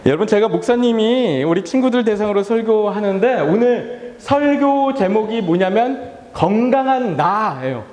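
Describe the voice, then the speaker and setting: A playful male pastor gives a children's sermon in an echoey church hall. His voice is high and very lively. He keeps asking the children questions and acts out little scenes. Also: normal speed, hardly any pauses. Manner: playful, asks children questions and leads call-and-response; acts out family members and his own tired sighs. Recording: echoey hall with long reverb.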